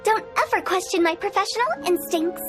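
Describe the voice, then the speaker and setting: An actress playing a quirky, confident young female funeral parlor director in a video game, brisk and playful. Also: very high voice. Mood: smug, playful. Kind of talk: video game character dialogue. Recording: music playing behind the voice. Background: game music.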